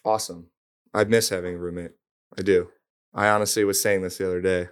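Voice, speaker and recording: A man's voice: deep voice, little pitch movement, fast talker, clean tone. A young man, a pro athlete guest, telling teasing stories about his old roommate in casual chat, often laughing. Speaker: guest, pro hockey player.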